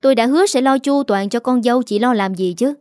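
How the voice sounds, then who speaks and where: A woman's voice: fairly high pitch, fast, a little mellow, dry recording, studio quality, natural voice. A woman voicing a stern, dismissive older mother-in-law who scolds curtly in an audio story. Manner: curt, scolding.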